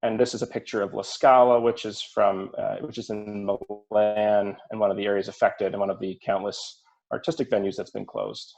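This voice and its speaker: A man with a somewhat low voice walks through slides in a measured lecture, with frequent fillers. He is heard over a video call. His audio keeps cutting out, so the volume is uneven and keeps rising and falling. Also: flat delivery, darkish tone, muffled recording. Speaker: presenter at a medical case review.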